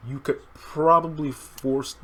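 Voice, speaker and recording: A young man chatting casually as co-host, rambling with lots of fillers and pausing to work out pronunciations. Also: fairly high pitch, steady tone, fairly bright tone. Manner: rambling, many fillers, looks up pronunciations aloud. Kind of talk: casual chat.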